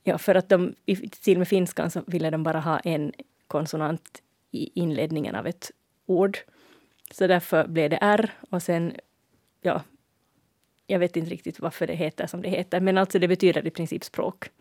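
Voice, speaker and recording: A woman's voice: fairly low pitch, fairly even intonation, darkish tone, no echo, studio quality. A woman with a Finland Swedish accent co-hosting a radio chat, explaining at length and laughing often. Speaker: radio co-host.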